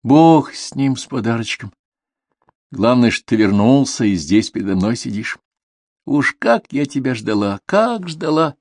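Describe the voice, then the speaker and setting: A man's voice: medium pitch, lively intonation, unhurried, a little mellow, no echo. A man voicing a tearful, affectionate older sister, raising his voice and speaking in a lilting, heartfelt, homely way. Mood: confiding.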